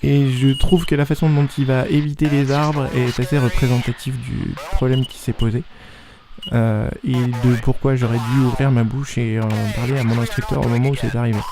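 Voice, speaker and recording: A man's voice: medium pitch, vocal fry. A man who is a student pilot, giving a casual, self-deprecating explanatory voice-over. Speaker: student pilot narrating own flight video. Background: music.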